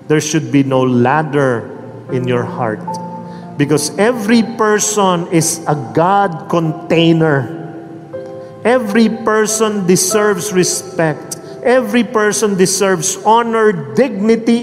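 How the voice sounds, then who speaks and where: A high-voiced man preaches at an unhurried, deliberate pace, leaning on each phrase. His voice rings out in a large hall with a long reverb tail and soft music underneath. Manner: slow, emphatic preaching, mixing English and Filipino. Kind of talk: sermon with storytelling.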